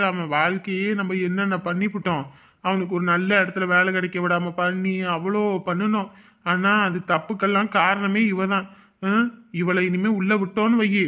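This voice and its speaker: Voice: mid-range voice, a bit bright, dull audio, natural voice. A voice actor playing a suspicious male villager who rants indignantly. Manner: ranting, indignant.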